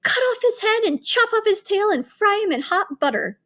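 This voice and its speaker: A woman voicing a crowd of cruel witches, shrieking and gloating in excitement. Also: high-pitched, moderate pace. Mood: gleeful.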